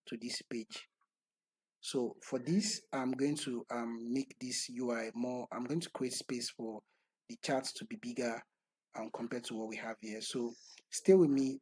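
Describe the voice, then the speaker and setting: A man talking through a screen-recorded software tutorial step by step, in a methodical way. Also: on the high side, husky, dry recording, rough recording. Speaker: tutorial instructor.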